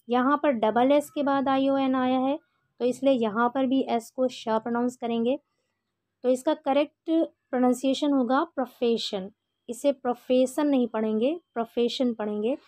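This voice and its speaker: An Indian woman teaching English pronunciation, explaining rules slowly and patiently, step by step. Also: high voice, a little mellow, no room sound. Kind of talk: explaining a lesson in Hindi.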